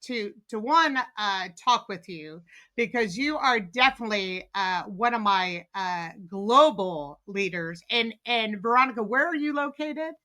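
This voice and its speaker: A woman's voice: medium pitch, lively intonation, a little slow, sharp tone. A woman hosting a podcast interview, enthusiastic, with frequent fillers and restarts as she talks. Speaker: podcast host.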